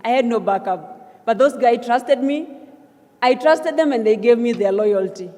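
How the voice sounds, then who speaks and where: A young South Sudanese woman, sworn in as a newly elected student association leader, offers an earnest and emphatic acceptance speech that builds to calls of thanks. Her voice sits a little high with a dark tone, and she speaks a little slowly. The large hall gives long reverb.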